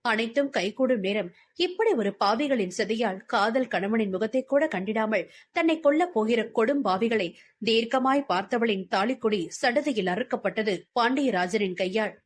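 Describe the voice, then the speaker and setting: A woman's voice: a little high, expressive, normal speed. A woman reading a novel aloud as an audiobook narrator with dramatic storytelling.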